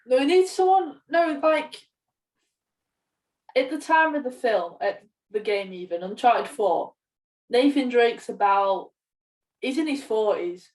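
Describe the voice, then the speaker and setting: A young woman, a media student co-hosting a film podcast, chats casually in a rather high, animated voice with a slightly mellow tone. She speaks slowly and pauses often. The recording sounds roomy and echoey, as if she sits far from the mic.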